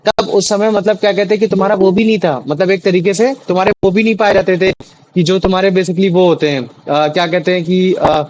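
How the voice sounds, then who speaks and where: A man's voice: high-pitched, steady tone, a little fast, a little mellow, dull audio, slight background noise. A young man tutoring students in a class, explaining patiently with many fillers and restarts. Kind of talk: online class teaching in Hindi.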